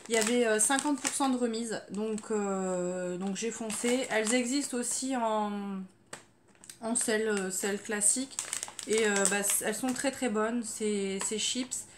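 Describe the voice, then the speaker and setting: A woman's voice: on the high side, noisy background. A woman chatting casually through her grocery haul, full of fillers and trailing off with "voilà". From France. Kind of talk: casual haul video chat.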